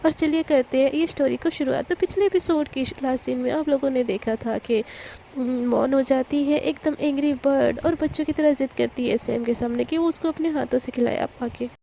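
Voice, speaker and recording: A hoarse woman narrating a love story in a chatty, casual way, speaking straight to her listeners. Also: sits high, a little fast, mellow, slight background noise.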